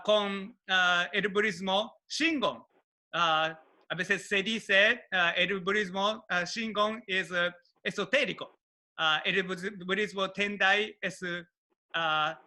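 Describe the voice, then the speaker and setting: Guy hosting, really bright sharp tone, halting with lots of "ah". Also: high-pitched. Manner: halting, many "ah" fillers, soft murmured replies. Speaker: host. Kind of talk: interview questions.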